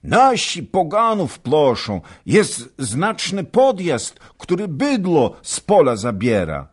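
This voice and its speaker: A man voicing a loyal, frightened young manservant in an audiobook, reporting in a high, urgent way. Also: huge pitch swings, slow, gravelly, breathy edge, exaggerated voice. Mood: alarmed.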